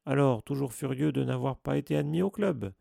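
A man's voice: medium pitch, fairly quick, vocal fry, warm tone, no room sound, clean studio sound, pitched above the performer's own voice. A man voicing a boisterous headless ghost knight who roars and teases in a jovial voice, in a storybook reading. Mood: mocking. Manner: roaring, jovial, teasing.

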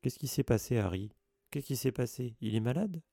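A man voicing an eager, excitable boy photographer who pesters with breathless questions. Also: mid-range voice, moderate pace, vocal fry, dry recording. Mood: anxious.

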